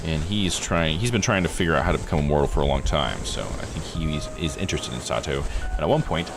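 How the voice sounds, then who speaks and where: Speaking at a quick pace in a bass voice, a man streams a visual novel over background music, voicing the on-screen text and chatting casually about it.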